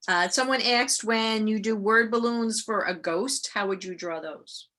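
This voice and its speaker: A woman's voice: medium pitch, measured pace, bright, forceful tone. A woman moderating an online library event, reading audience questions aloud over a video call.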